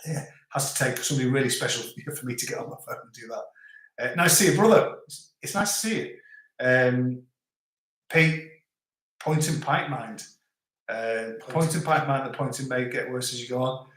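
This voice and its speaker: A live-stream host from Liverpool, England, speaks with a softened Scouse accent in a mid-range, fairly bright voice at normal speed. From his home in the French countryside, he chats loosely and rambles, stopping and restarting while reading out viewer comments, and the room has an echoey sound.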